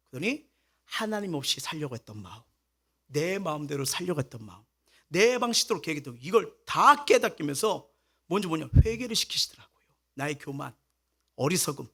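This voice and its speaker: A man delivers a sermon as pastor, his voice pitched high for a man and swinging widely up and down. He tells a personal story with animation and acts out the lines of the people in it. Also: gravelly, slightly rough. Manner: animated storytelling, acting out quoted speech.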